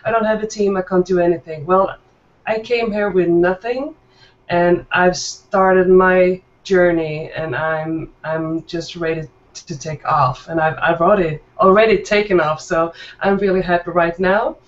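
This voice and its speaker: A woman's voice: on the low side, fairly even intonation, a little slow. Upbeat woman, distant on a call. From southern Sweden. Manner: upbeat, with hesitant fillers. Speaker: panel guest. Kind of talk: casual self-introduction. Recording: distant, muffled call audio.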